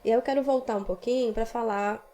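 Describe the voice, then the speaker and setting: A woman's voice: a little high, fairly even intonation, fast talker, warm tone. A woman singing teacher with a Brazilian accent, patiently explaining vocal technique in a casual podcast chat. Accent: Brazilian Portuguese.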